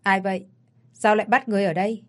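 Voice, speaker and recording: A woman's voice: medium pitch, steady tone, fast, close to an everyday voice. A woman voicing an old male cemetery caretaker questioning intruders in alarm.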